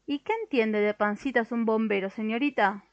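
A woman's voice: fairly high pitch, normal speed, no echo, highs cut off, natural voice. A woman voicing a timid, flustered male firefighter in a storybook, who speaks in fussy rhymes. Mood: puzzled. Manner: rhyming, fussy and easily scared.

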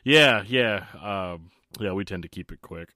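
A man's voice: fairly low pitch, lively intonation, measured pace, sharp tone, no echo, clean studio sound. A man hosting a podcast, talking casually like an enthusiastic music fan. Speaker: podcast host and interviewer. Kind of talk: casual chat.

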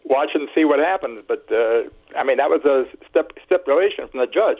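A man's voice: mid-range voice, animated, brisk, slightly rough. A man chatting casually about politics as a caller to a radio show. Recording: tinny narrow phone line.

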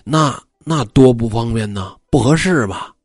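A man playing a timid, courteous young scholar who cuts firewood, in a husky voice. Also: mid-range voice, measured pace, no room sound, studio quality, soft background music. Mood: nervous. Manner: nervous, bookish, courteous. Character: timid polite young male scholar woodcutter.

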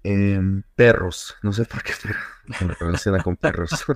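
A man's voice: low voice, takes it slowly, no echo, studio quality. A young man from Bolivia, a travel YouTuber, chatting as a podcast guest and acting out quotes as he laughs through his stories. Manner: animated storyteller, acts out quotes, laughs often. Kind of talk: casual podcast interview.

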